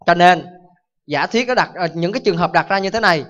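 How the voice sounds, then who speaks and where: A Buddhist monk giving a dharma talk, full of animated stories and rhetorical questions to his listeners. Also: high-pitched, quick pace. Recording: dull lo-fi recording.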